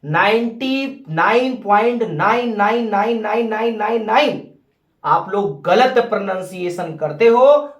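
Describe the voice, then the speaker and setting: A man teaching English pronunciation in a video lesson, drilling each word slowly and repeating it several times. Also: sits high, echoey room. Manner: lively, repeats words slowly to drill them. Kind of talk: classroom-style video lesson.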